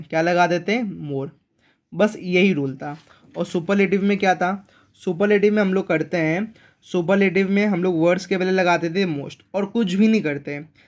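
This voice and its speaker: Guy teaching grammar, kinda high voice, keeps repeating words and quizzing you. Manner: repeats key words and asks the viewers questions. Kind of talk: online grammar lesson.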